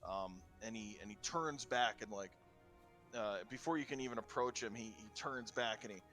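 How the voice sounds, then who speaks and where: A man running a tabletop game, narrating hesitantly with many fillers. His voice is bright and forceful, with faint music behind him. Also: on the low side, moderate pace. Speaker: game master.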